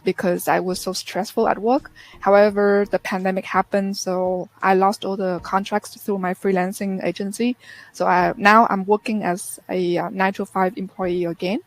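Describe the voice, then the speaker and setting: A Vietnamese woman appears as a guest in a casual interview chat over a video call, speaking earnestly in a medium-pitched voice. She tells her stories in a reflective way, and the recording sounds rough.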